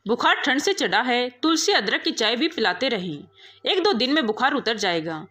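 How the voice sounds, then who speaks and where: A woman's voice: a little high, moderate pace. A woman reading a moral story aloud as narrator, voicing every character in turn. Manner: reads every character herself, expressive.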